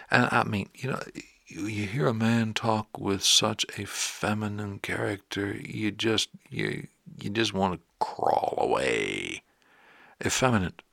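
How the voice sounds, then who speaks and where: Gravelly low-voiced male preacher. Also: bright, forceful tone, no room sound, studio quality. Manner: emphatic, fires rhetorical questions. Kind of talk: sermon.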